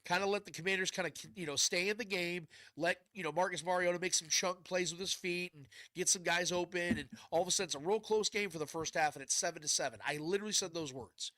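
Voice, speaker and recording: A man's voice: high-pitched, quick pace, few pauses, pushed and bright, dry recording. A man hosting a casual sports talk show in chummy, blunt slang, with a congested, nasal voice as if his nose were packed. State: stuffed up, can't breathe through nose.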